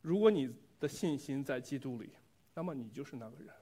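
A man's voice: medium pitch, lively intonation, brisk, dark tone. Male preacher, mid-range voice, earnest and reflective, delivering a sermon with personal testimony and direct questions to the congregation.

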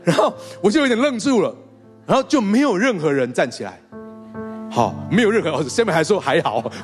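A man's voice: high-pitched, sing-song, fairly quick, soft background music. A male pastor telling a story in a sermon to his congregation, acting out quotes and laughing along with them. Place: church hall with congregation.

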